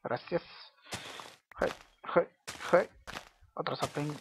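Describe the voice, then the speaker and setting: A man giving casual gameplay commentary as a video host, chatting to himself and repeating words in quick bursts while he plays. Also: on the high side, a little hiss or hum. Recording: slightly dull lo-fi audio with faint music.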